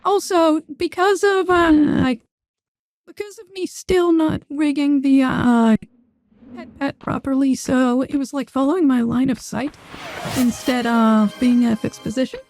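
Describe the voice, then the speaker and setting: A streamer talking through a voice changer, chatting casually and rambling with many fillers. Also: female voice, sits high, fairly even intonation, a little slow, a little mellow. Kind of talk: casual chat.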